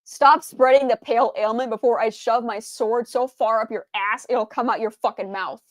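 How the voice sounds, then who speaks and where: A furious male cookie king warrior, played by a woman throws out scornful, defiant lines. The voice sits high and bright. The mic sound is close and dry, with almost no room. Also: steady tone, normal speed, dry recording, natural voice. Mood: threatening.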